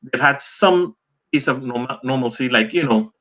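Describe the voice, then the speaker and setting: A middle-aged journalist and author from Trinidad and Tobago answers interview questions like a lively storyteller. His mid-range voice moves at normal speed, and the recording is rough.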